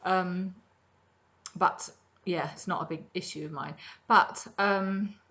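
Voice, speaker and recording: A middle-aged woman speaks slowly in a lowish, fairly bright voice with fairly even intonation. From her home kitchen she hosts a crafting podcast, chatting casually and ramblingly about her projects, with frequent ums.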